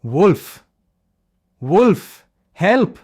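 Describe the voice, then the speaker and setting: A man voicing a playful, mischievous young shepherd boy in a children's storybook, shouting in a raised voice. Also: moderate pace, no room sound, studio quality, close to an everyday voice. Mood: panicked. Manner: shouting, giggling, high-pitched.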